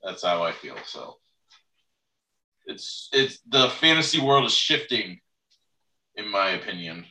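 A low-voiced man hosts a relaxed sports chat, often circling back and repeating himself. His tone is bright and forceful despite the depth. He sits back from the mic in an echoey room. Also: measured pace, long pauses, recorded from a distance. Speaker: podcast host. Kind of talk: casual fantasy football chat.

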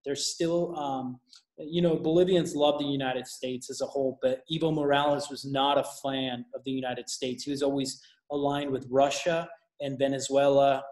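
A young man who grew up in Colombia, a missionary talking casually as an interview guest, relaxed and rambling with plenty of fillers. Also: mid-range voice, moderate pace, reverberant.

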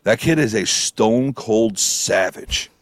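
A man's voice: fairly low pitch, animated, takes it slowly, no echo. A man with an American accent in a casual sports debate, opinionated, argumentative and swearing freely.

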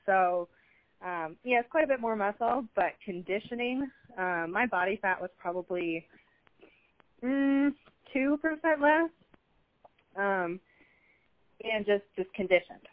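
A woman's voice: medium pitch, animated, unhurried, long pauses, dry recording. A woman talking as a guest in a casual chat, rambling and chatty, with easy laughs. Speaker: fitness competitor guest. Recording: slightly dull, dry sound.

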